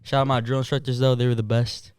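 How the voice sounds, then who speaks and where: A man's voice: medium pitch, level tone, quick pace, a little mellow, clear, resonant tone, dry recording. A man who is a Marine veteran and a podcast guest, talking casually in an earnest, reflective way. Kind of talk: casual chat.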